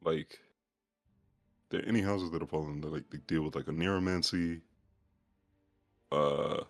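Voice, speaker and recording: A man with a very deep, heavy voice, chatting casually as a tabletop game player, haltingly searching for words. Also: steady tone.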